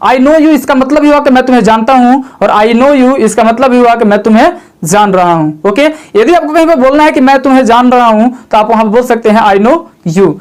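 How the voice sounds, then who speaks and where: High-voiced man teaching grammar. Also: fairly quick, smooth. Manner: asks himself questions and answers them, repeats points; calls the viewer "sir" in a chatty teaching tone. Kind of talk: spoken grammar lesson.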